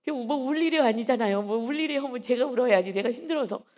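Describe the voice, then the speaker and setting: A woman pastor preaching an early-morning sermon, emphatic and quick to act out the voices she quotes. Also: on the high side, a little mellow. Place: church sanctuary.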